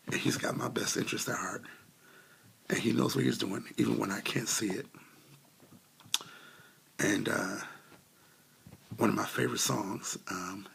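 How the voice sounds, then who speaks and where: A man's voice: on the low side, creaky, a bit bright, husky. A man telling a heartfelt personal testimony in a casual way, with many fillers, close to tears and still coughing a little. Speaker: vlogger sharing a testimony.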